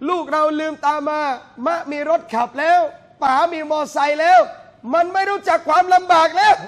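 A man preaching a casual, joking Islamic sermon to a gathering, swinging between loud exclamations and quiet asides. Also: very high voice. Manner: joking storyteller who addresses listeners as brothers and sisters. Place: café venue.

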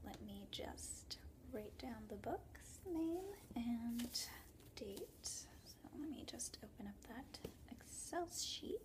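A young adult woman in a whispered role-play as a librarian, speaking in a soft, breathy library whisper with a casual, hesitant manner. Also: on the high side, lively intonation, slow. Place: indoors, small book-lined room. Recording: noticeable background noise, clicks.

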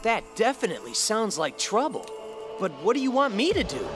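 Sonic, cocky high-voiced hedgehog hero. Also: male voice, wildly swooping pitch, fairly quick, over music. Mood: casual confidence. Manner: casual, flippant, wisecracking. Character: cocky, breezy young male blue hedgehog hero. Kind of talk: video game cutscene acting.

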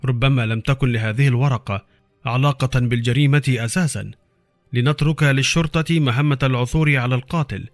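A man's voice: medium pitch, a little fast, dry recording, soft background music, close to an everyday voice. A man voicing an experienced, sceptical, impatient forensic doctor in an audiobook horror story. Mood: exasperated. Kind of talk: audiobook character acting.

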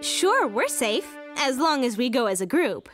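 A woman voicing a friendly, outspoken young girl in an animated cartoon, earnest and frank. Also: high voice, unhurried. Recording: music under the dialogue.

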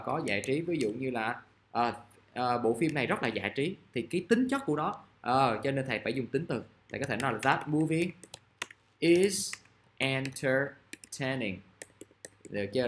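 A man's voice: mid-range voice, fairly bright tone, a little hiss or hum. A male English teacher, explaining a vocabulary lesson patiently and repeating key words while checking in with his students.

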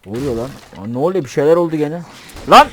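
A man narrates his game in a bouncy, lively voice that swings up and down in pitch. He jokes, swears in fun and talks to himself as he plays. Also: very fast. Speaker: gamer. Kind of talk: casual gameplay commentary.

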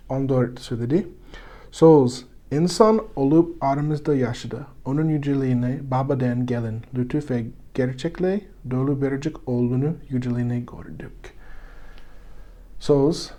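A man with a foreign accent, still learning Turkish, teaching the Bible in simple, broken, halting sentences with frequent self-corrections. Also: mid-range voice, mellow. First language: not Turkish, still learning it.

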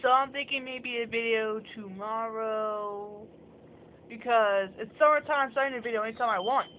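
Female vlogger, high voice, bored rambling chat, tinny phone-like sound. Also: moderate pace. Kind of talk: casual chat to camera. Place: at home, lying down. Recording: tinny lo-fi audio with faint hiss.

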